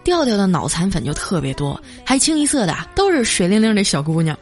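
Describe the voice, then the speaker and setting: A woman's voice: medium pitch, very animated, fast, faint music behind. A woman streamer telling comic stories in a chatty way, drawing out her sentence particles. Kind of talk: comic storytelling.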